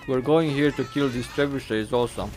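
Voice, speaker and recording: A man's voice: mid-range voice, moderate pace, darkish tone, faint music behind. A man live-streaming a video game, chatting casually and rambling with many fillers and restarts while he eats. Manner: rambling, full of fillers and restarts, talking with his mouth full. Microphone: desk mic.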